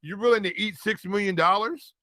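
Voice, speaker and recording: This American fantasy football analyst chats casually about sports, his high-pitched, sharp voice halting as he repeats words and phrases while working through his thoughts. There's no room sound on the recording.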